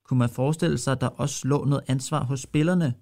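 A male radio reporter with a creaky, gravelly voice. He thinks aloud as he builds a question, pausing and hesitating along the way. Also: medium pitch, fairly even intonation, dark tone. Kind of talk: recorded radio interview.

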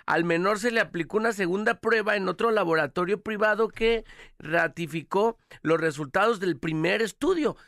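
A man's voice: high voice, moderate pace, a bit bright, no room sound, clean studio sound. A man with a Mexican accent co-hosting radio from a booth, reading news and adding chatty asides. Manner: chatty, comments on stories with asides. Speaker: radio co-host.

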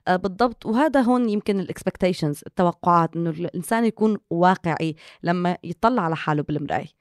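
A woman's voice: lowish voice, fast, no echo, studio quality. A woman with a Levantine Arabic accent, co-hosting a conversational podcast and mixing in English words. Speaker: co-host.

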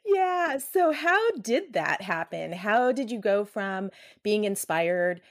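A woman's voice: medium pitch, sing-song, slow. A woman hosting an interview, reacting with admiration and asking her guest to walk through the story. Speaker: host.

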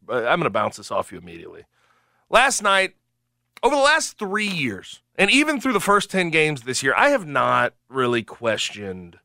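Animated male sports radio host. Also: fairly high pitch, no echo, studio quality. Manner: animated, chatty, emphatic. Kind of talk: casual sports talk. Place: radio studio.

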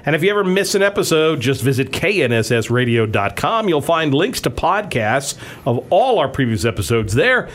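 A man's voice: on the high side, sing-song, moderate pace. A man hosting a radio talk show, reading a scripted introduction. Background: music bed.

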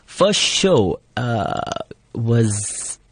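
A man's voice: medium pitch, sing-song, very slow, breathy edge, no echo. A man with a South African Indian accent answering interview questions in an earnest, emphatic, conversational way. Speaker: comedian and actor being interviewed.

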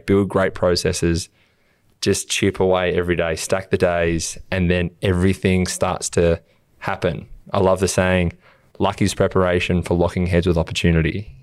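Australian man, podcast co-host, deep, smooth voice, earnest motivational chat, dry close mic. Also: flat delivery, moderate pace, dry recording. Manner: earnest, acts out quotes of himself.

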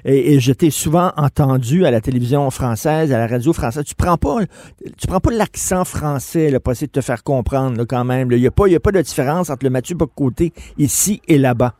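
A man's voice: medium pitch, animated, a little fast, dark tone, no echo, studio quality. A man, hosting a radio interview in a loose, conversational way with casual fillers. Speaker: radio host.

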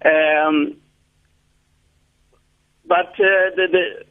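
A man from the Free State calling in to a radio show, heard over a clipped telephone line and talking haltingly as he searches for words. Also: on the high side, steady tone, smooth. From Free State, South Africa. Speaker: radio caller. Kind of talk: call-in radio comment. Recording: tinny lo-fi phone line.

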